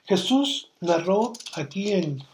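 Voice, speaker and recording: A man's voice: sits high, sing-song, slow pace, slight background noise. A middle-aged Mexican man, a pastor, teaching a church course in a conversational way, telling stories full of quoted dialogue. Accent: Mexican Spanish.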